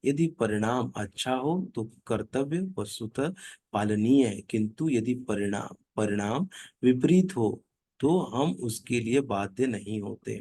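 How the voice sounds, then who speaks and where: A man leading an online reading group who chants verses slowly and then explains them in casual, conversational talk. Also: medium pitch, expressive, dark tone, slightly rough, no room sound. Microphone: online video call.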